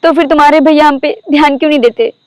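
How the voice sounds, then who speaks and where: A woman's voice: high voice, steady tone, fast talker, reverberant, natural voice. A woman playing a lonely young wife who pleads for her husband's attention. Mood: hurt. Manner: pleading, sulky.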